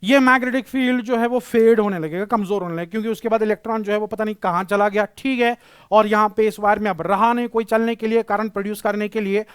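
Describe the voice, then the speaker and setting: A man's voice: high-pitched, steady tone, fast, a bit bright, clean tone, no echo, studio quality. A male physics teacher giving a classroom lecture, explaining patiently, repeating key phrases and using terms.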